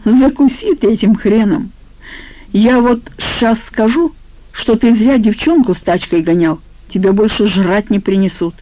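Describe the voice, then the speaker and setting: A woman's voice: medium pitch, unhurried, dark tone, lo-fi sound, voice pushed up, lightly acted. A woman voicing a lazy young male guard who talks coarsely and swears. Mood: crude.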